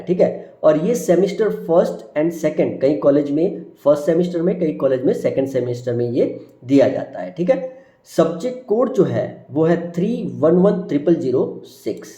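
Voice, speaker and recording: A male engineering lecturer with a slightly raised, soft, mellow voice, recorded in a roomy, echoing space. He reads out technical one by one, each dropping at the end. He keeps tagging "ठीक है" onto his points and calls his viewers friends. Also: on the high side, big pitch swings, moderate pace. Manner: addresses viewers as friends, repeats "ठीक है" constantly; lists terms one by one, falling at each item. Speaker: engineering teacher. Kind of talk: subject introduction lecture over slides.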